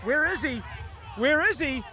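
A man's voice: extremely high pitch, animated, a little slow, pushed and bright, a faint crowd. A man commentating an outdoor wrestling show, reacting with alarm and disbelief. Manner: incredulous, reacting with alarm to the action. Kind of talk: play-by-play commentary.

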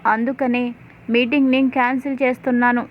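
Woman reading a dutiful young secretary, high voice, tinny phone-like sound. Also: level tone, brisk, close to an everyday voice. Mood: polite.

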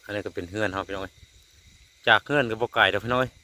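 Out frog hunting at night, a vlogger with an Isan accent keeps talking to his viewers in a casual, folksy way. He speaks in a lowish, steady voice, rapid-fire, pushed and bright. Faint insects can be heard in this outdoor recording.

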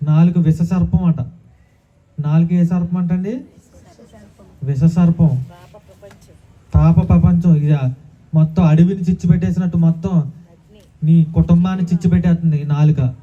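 Man, pastor, sermon, rhetorical questions, somewhat high pitch, narrow tinny sound. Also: fairly even intonation, normal speed, long pauses, warm tone. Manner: preaching with repeated hallelujahs and rhetorical questions.

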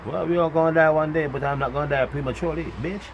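A man's voice: on the high side, steady tone, racing, creaky, dull audio, noisy background. Foul-mouthed ranting man. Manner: rambling, swinging between loud outbursts and muttered asides. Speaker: vlogger. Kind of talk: profane ranting monologue.

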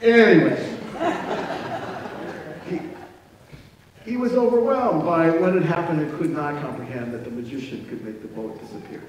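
Folksy pastor in an echoey church. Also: male voice, on the high side, recorded from a distance, lo-fi sound, background noise. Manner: folksy, halting, self-deprecating. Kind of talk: sermon with a told joke. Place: church sanctuary. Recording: echoey church recorded from afar.

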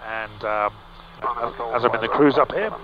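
A middle-aged male pilot hosting a vlog gives a relaxed, explanatory walkthrough of his instruments in a small aircraft cockpit mid-flight, using ums and restarting sentences. His voice is of ordinary pitch and comes through a headset boom mic that sounds a little dull, with a faint engine hum running underneath.

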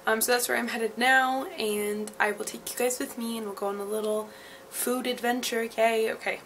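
Young woman vlogging, kinda high voice with lots of fry, rambly and full of ums. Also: steady tone, normal speed, fairly bright tone, a little hiss or hum, rough recording. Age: 20s. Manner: chatty, rambling with frequent ums. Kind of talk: casual vlog chat.

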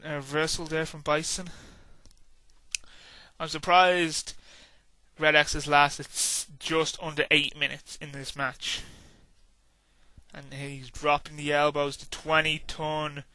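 Tired male wrestling commentator, bright and slow, casual and rambling, dry close sound. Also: fairly high pitch, little pitch movement. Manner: casual, rambling, hums and sings to himself between calls. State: tired, yawning. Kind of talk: video game wrestling commentary.

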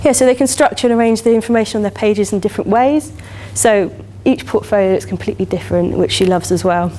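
An English woman in her thirties giving an upbeat, chatty keynote from a lecture hall stage. Her voice is mellow and warm, and she talks with lively enthusiasm, leaning on casual fillers. The room mic catches her from a short distance, with a faint hiss underneath. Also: medium pitch, fast. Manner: enthusiastic, chatty, many "you know" fillers. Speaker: keynote speaker. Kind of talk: conference keynote talk. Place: lecture hall, standing by a lectern.

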